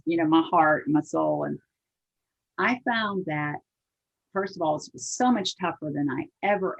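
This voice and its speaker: An older woman, a singer-songwriter being interviewed, talking casually in a halting way that restarts and repeats words. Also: low voice, creaky, breathy edge. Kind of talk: casual conversation. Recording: dull lo-fi audio.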